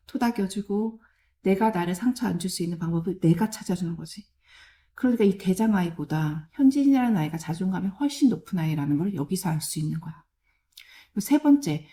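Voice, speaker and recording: A woman's voice: mid-range voice, mellow. A woman giving direct advice to children and parents, firm and caring, speaking in short plain commands.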